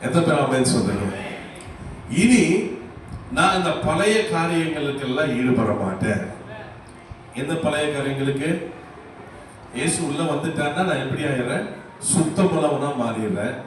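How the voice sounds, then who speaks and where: A man's voice: on the high side, lively intonation, a little slow, pauses often. A man preaching a baptism sermon, asking rhetorical questions and urging the congregation to answer aloud. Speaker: pastor. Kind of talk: call-and-response baptism sermon. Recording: very echoey hall, voice from a distance, faint noise.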